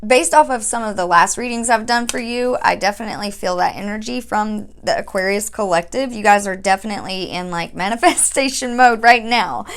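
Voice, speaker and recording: A woman giving a casual spiritual tarot reading, chatty and often checking in with her listeners, with slow, drawn-out calls to spirit guides. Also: mid-range voice, slight background noise. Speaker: tarot reader.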